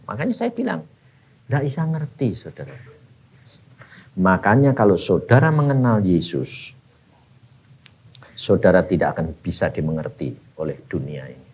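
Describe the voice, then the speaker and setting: A man's voice: deep voice, very animated, moderate pace, pauses often, slightly rough, dull audio. An older man, preaching a sermon, telling stories animatedly and laughing often. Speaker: evangelist preacher.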